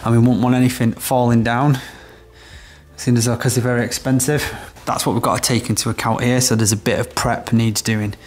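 A man's voice: medium pitch, level tone, a little fast, darkish tone. A man in his thirties, an electrician, talking through a job step by step while demonstrating in a house. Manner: practical, explaining step by step. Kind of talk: on-site product demonstration. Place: house interior, small room.

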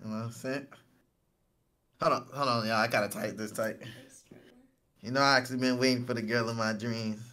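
A young man in casual, slangy livestream banter over a voice chat call, excitable, laughing and swearing. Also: mid-range voice, fairly quick, pauses often. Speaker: blindfolded date on a livestream.

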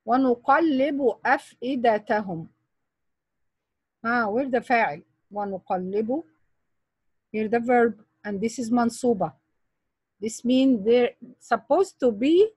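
A woman's voice: fairly high pitch, lively intonation, takes it slowly, a little mellow, breathy edge, dry recording. A woman teaching grammar in English, quizzing her students with repeated questions. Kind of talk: online grammar lesson.

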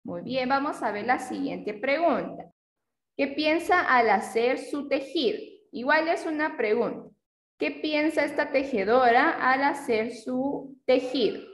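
Slow, patient woman teaching small children. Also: high-pitched, roomy sound. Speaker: kindergarten teacher. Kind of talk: online class with young children.

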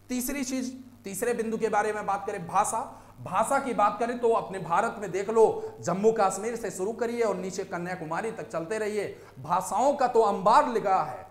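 A man's voice: high-pitched, echoey room. A man teaching an exam-prep lecture, explaining step by step and often checking in with his students.

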